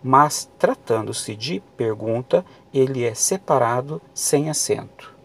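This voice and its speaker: A man's voice: medium pitch, animated, slow pace, fairly bright tone. A man teaching a grammar lesson for exam prep, explaining patiently with many fillers and restarts.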